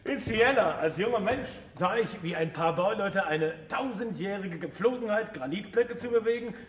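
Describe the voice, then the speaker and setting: In a classic radio play, a man plays an exuberant, impatient scholar and teacher, declaiming emphatically with an enthusiastic, visionary mood. His voice sits high, animated, at a moderate pace. The sound is roomy with faint noise.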